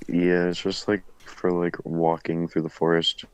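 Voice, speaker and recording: A man's voice: deep voice, level tone, a little slow, clear, resonant tone, no echo, muffled recording. A young man co-hosting a casual story show, chiming in with details and plenty of fillers.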